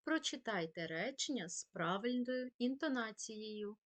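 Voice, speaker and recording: A woman teacher reading a scripted grammar lesson, saying her examples slowly and carefully as if dictating. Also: a little high, lively intonation.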